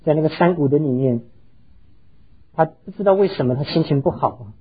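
A man's voice: on the high side, expressive, fairly quick, highs cut off, noisy background. A pastor preaching a sermon, earnestly telling stories and slipping English words into his talk. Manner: earnest, heartfelt storytelling.

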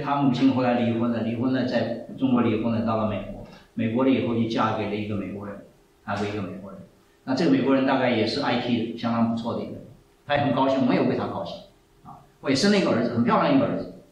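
A man in his seventies preaching a sermon, telling stories with lively, repeated phrases. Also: mid-range voice, fast talker, dull audio, a little hiss or hum. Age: 70s. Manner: animated storytelling, repeats phrases. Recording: echoey hall, mic far off, faint ambience.

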